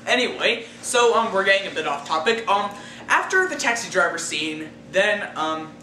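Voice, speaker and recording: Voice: medium pitch, big pitch swings, normal speed, pushed and bright, a little hiss or hum. Hesitant reviewer in a roomy space. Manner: hesitant, many ums and fillers. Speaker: movie reviewer. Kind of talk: casual review chat. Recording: roomy distant mic with music.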